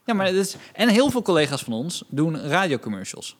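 A man's voice: on the high side, big pitch swings, brisk. A man co-hosting a podcast in casual chat. He mumbles his words, teases his co-host and laughs often.

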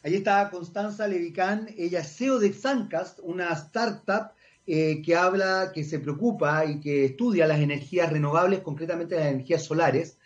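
A man's voice: a little high, normal speed, muffled recording. Chatty Chilean man hosting radio. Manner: chatty, talks a lot, self-mocking. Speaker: radio host. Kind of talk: casual radio interview.

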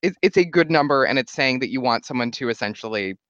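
A man co-hosting a casual chat podcast, joking and expressive. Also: medium pitch, quick pace, no room sound. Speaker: podcast co-host. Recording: dry, slightly dull lo-fi recording.

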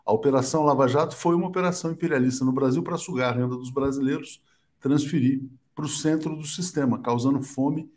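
A man hosting a political live stream, talking conversationally with quick asides and tag questions. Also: medium pitch, a little mellow.

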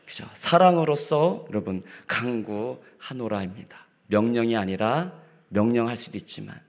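Middle-aged male pastor, lively sermon, mid-pitched voice, plays out quotes with humor, drops to whispers. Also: moderate pace. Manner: swings from loud acted rebukes to hushed whispers; acts out quoted lines with playful humor. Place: church sanctuary.

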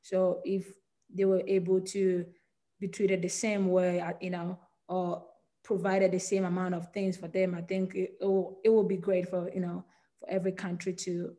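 With a dark, monotone voice on the low side at normal speed, a twenties-aged Ghanaian woman answers interview questions on a podcast. She's a professional footballer with a Ghanaian accent touched by American English, replying earnestly but with frequent fillers and restarts.

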